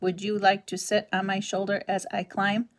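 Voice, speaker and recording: A woman reading a children's novel aloud, voicing a calm, gentle female robot mother who speaks politely and precisely. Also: mid-range voice, close to an everyday voice. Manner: polite, precise, measured speech.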